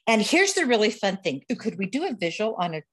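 A woman, an energy instructor, teaching on a podcast in a lively way, laughing and quoting herself. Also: mid-range voice, quick pace. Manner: animated, laughs, quotes herself in little voices.

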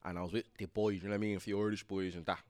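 A man in casual chat with friends, rambling through a story and quickly getting annoyed. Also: on the low side, level tone, a little mellow. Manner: rambling, quick to get annoyed, talks over others.

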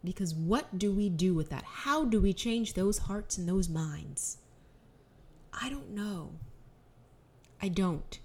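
A woman host in a casual, reflective monologue, speaking earnestly and softly, often trailing off quietly. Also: fairly low pitch.

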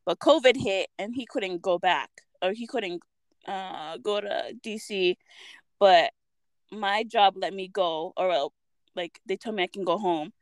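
A woman co-hosting a casual podcast chat, telling stories in an animated, giggly way. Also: medium pitch, measured pace, no room sound, poor audio. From Utah, US. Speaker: podcast co-host.

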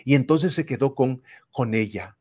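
A man's voice: medium pitch, moderate pace, husky. A man giving a faith-based motivational talk, speaking straight to the listener with many repetitions. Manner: animated, addresses listener directly, many repetitions.

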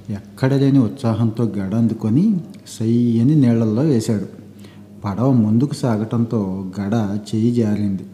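A man narrating a story in an unhurried, measured way. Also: on the low side, warm tone. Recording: echoey room with faint background noise.

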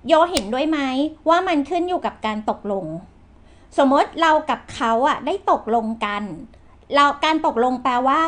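Casting: woman host, high bright voice, chatty and teasing, casual advice podcast. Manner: chatty, teasing, repeats words. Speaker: podcast host, real estate broker.

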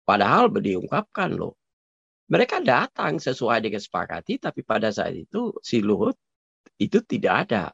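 A man's voice: lowish voice, wildly swooping pitch, moderate pace, vocal fry, fairly bright tone, slightly rough, no room sound. A man giving conversational political commentary as an interview guest, hesitant with many fillers and restarts, dropping in English phrases. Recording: dull lo-fi recording.

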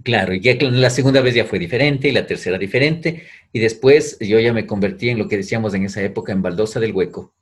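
Middle-aged man, husky and low-pitched, lively storyteller who acts out the voices. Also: fast talker, hardly any pauses. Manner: animated, acts out quoted voices. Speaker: guest. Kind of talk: casual storytelling.

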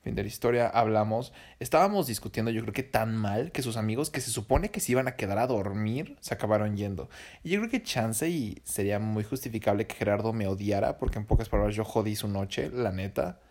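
Low-voiced Mexican man telling a story. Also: expressive, a little fast, darkish tone. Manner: slangy, profane, rambling with fillers. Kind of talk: casual personal storytelling.

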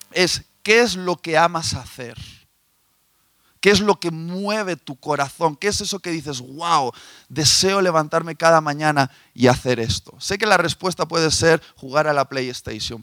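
A man's voice: fairly high pitch, fairly bright tone, dry recording. A man preaching a sermon, asking his listeners questions and telling a fable. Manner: asks the audience questions, tells a fable.

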